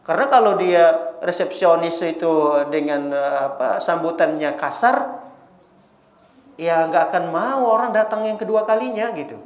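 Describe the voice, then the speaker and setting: A male Islamic preacher giving a casual, lively sermon to a women's audience, often teasing them with rhetorical questions. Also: a little high, unhurried, roomy sound.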